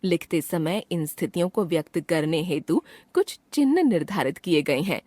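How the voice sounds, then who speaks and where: Woman reading a grammar lesson, lively intonation. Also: fairly low pitch, no room sound. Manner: precise, measured textbook reading. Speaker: grammar teacher narrating a lesson. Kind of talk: scripted lesson narration.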